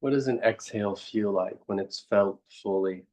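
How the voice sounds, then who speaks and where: A meditation teacher with a lowish voice guides his listeners reflectively. His phrases are short and unhurried, and he asks gentle questions along the way.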